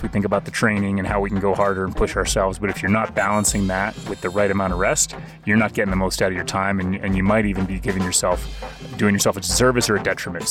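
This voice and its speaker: A man hosting a casual, chatty podcast, recorded sitting inside a small home closet used as a soundproof booth. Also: lowish voice. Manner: informal, chatty. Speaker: podcast host, company co-founder.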